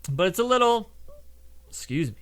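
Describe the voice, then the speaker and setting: A man's voice: high-pitched, big pitch swings, normal speed, fairly bright tone. A young man talks through a game coding tutorial in a loose, chatty way, full of fillers and asides. He speaks into a desk mic at his computer, and keyboard typing can be heard behind him. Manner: loose and chatty, lots of fillers, plays laser noises. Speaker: game development tutorial host. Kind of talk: casual screen-recorded coding tutorial.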